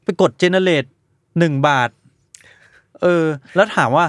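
A man talking casually on a podcast as a music producer guest, animated and mimicking drum sounds with his mouth. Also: high-pitched, slow, no room sound, studio quality.

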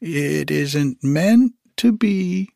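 A man's voice: on the high side, lively intonation, extremely slow, vocal fry, darkish tone, dry recording, clean studio sound, voice pushed up, full character voice. A man voicing a fussy male rabbit who answers in a prim, curt, snippy way. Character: male rabbit, fussy, pretending not home.

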